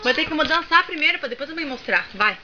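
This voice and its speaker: A woman's voice: sits high, expressive, quick pace. A young mother filming her small daughter at home, playfully coaxing and bossing her through a dance and silly faces. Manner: playful, coaxing, bossy commands. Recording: dull lo-fi home camera, clear background noise.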